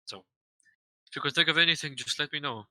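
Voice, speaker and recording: A man's voice: on the high side, fast talker, sharp tone, dry recording, poor audio. A man playing a tabletop game, describing his character's actions and stammering with many fillers. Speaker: player.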